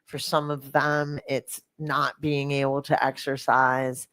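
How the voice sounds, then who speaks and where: A middle-aged woman hosting a fitness podcast, talking in a rambling, animated way with lots of fillers and restarts. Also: extremely low pitch, slow pace, clear, resonant tone, no echo. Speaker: fitness coach and podcast host. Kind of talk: casual podcast chat.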